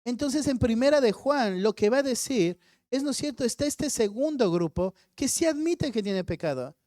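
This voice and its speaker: A man with a warm, mellow voice teaches a Sunday school class, going through a Bible passage point by point. He keeps checking that his listeners follow him. The sound is close and dry, with little room around it. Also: very high voice, lively intonation, normal speed, no room sound. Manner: explains step by step, often checks in with "¿no es cierto?".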